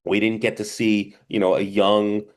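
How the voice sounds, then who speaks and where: A man with a New Jersey accent talks through a film review on a podcast, his voice sitting a bit low. He rambles, circling back and restarting his thoughts in a loose, casual chat. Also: level tone, normal speed. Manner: rambling, stop-and-start delivery. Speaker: podcast co-host.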